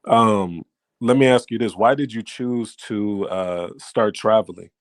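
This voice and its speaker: A man's voice: on the low side, a little slow, no room sound. A man hosting a casual interview, asking loose, filler-heavy questions in a laid-back way. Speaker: host interviewer.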